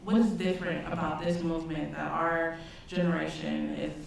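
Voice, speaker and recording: Moderator, gravelly voice, casual and curious, distant echoey sound. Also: medium pitch, level tone, normal speed, slight background noise. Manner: casual, inquisitive. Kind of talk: panel moderation. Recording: echoey hall, from far off.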